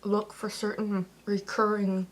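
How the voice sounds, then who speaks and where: A woman's voice: medium pitch, flat delivery, unhurried. A woman vlogging in a casual, rambling way, peppering her talk with "like" and correcting herself as she goes. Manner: chatty, lots of "like", self-correcting.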